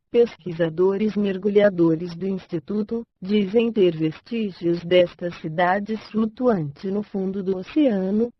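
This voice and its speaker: A synthesized text-to-speech woman's voice with a Brazilian accent, reading a scripted audiobook in an even, measured way. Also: mid-range voice, no room sound, muffled recording.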